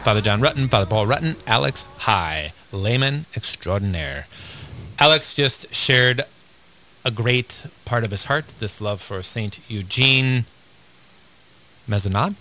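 A man hosting a radio show in casual chat, enthusiastic and quick to laugh, recorded in a studio. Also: mid-range voice, expressive, pushed and bright.

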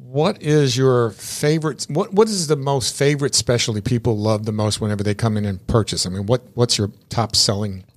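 A man's voice: mid-range voice, fairly quick, few pauses. Chatty male interview host. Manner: chatty, rambling, repeats words when starting sentences. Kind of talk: casual interview.

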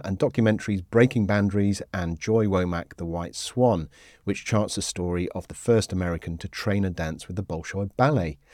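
A man's voice: on the low side, darkish tone, no echo, studio quality. A man hosting a podcast, chatting casually and reading out listener messages. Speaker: podcast host. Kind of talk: casual interview chat.

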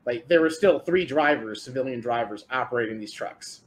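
A man's voice: mid-range voice, fairly quick, slight background noise. A man narrating as game master of a tabletop role-playing game, casual and loose, with lots of filler words.

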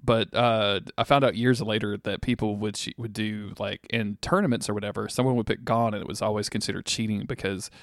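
A man in his thirties co-hosts a podcast in a relaxed, rambling way, swearing freely and leaning on fillers. His voice sits on the low side and is recorded close and dry, with no room sound. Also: brisk, few pauses, dry recording. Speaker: podcast co-host. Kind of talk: casual chat.

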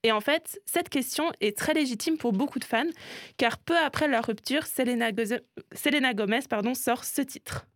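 A woman hosting a music segment, explaining things in a chatty way with frequent little asides. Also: high-pitched. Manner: chatty explainer, sprinkling "hein" and quick asides. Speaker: show host. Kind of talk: presenting a themed music segment.

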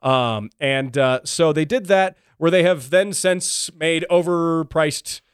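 A man's voice: on the high side, slow, clean tone, no echo, clean studio sound. A man hosting a casual commentary show, talking in a chatty, wry way with plenty of fillers and restarts. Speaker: show host.

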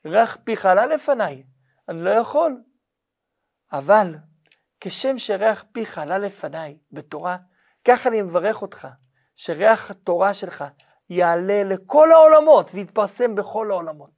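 A man voicing a revered elderly male sage who speaks gently and patiently to a struggling student. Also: sits high, expressive. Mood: solemn.

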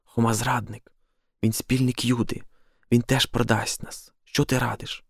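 A man's voice: mid-range voice, level tone, unhurried, creaky, husky, no room sound, studio quality. A man playing a fiery, impulsive apostle. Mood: urgent whisper. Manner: heated, insistent, accusing. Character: fiery, impulsive male apostle, middle-aged.

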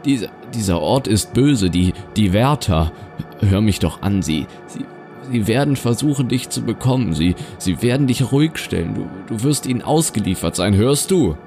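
A man's voice: on the low side, animated, normal speed, dark tone, voice pushed up. A man voicing a frail, paranoid old grandfather in a nursing home, stammering and repeating his words, over music. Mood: panicked.

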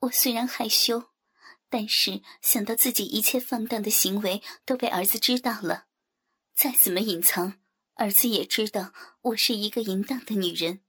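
A woman narrating a story in a soft, breathy, half-whispered voice. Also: medium pitch. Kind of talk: whispered erotic story reading.

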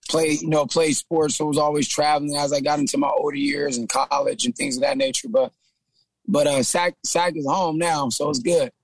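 A man from San Jose, a trainer and former football player, telling his story as a guest in a relaxed interview, with frequent "man" and repeated words. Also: fairly high pitch, normal speed, creaky, no echo. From San Jose, California. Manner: laid-back, says "man" often, repeats himself. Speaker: guest, trainer and gym owner. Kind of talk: casual interview chat.

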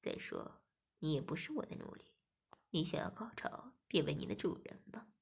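A woman voicing a smug, domineering adult man in a read-aloud audio story, with a lowered, mocking delivery. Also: huge pitch swings, normal speed, gravelly, slightly rough, full character voice. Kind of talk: erotic audio story reading.

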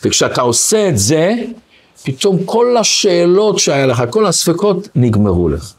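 A man's voice: fairly high pitch, slightly rough. A man, a rabbi, giving a Torah lesson full of stories, acting out the voices of the people in them. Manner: animated storyteller who acts out quoted voices.

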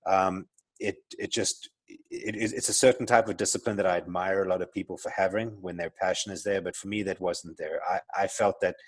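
His voice sits low and sounds slightly rough, with fairly even intonation and a fairly quick pace. He's a middle-aged South African entrepreneur guesting on a podcast, reflecting in a casual interview with lots of restarts and fillers, and there's no echo.

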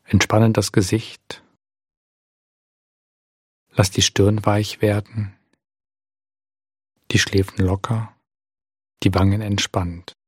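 Speaking in a low, husky voice, a man leads a body scan meditation, offering calm, gentle instructions separated by long, unhurried pauses. The sound is close and dry, with no room sound or echo.

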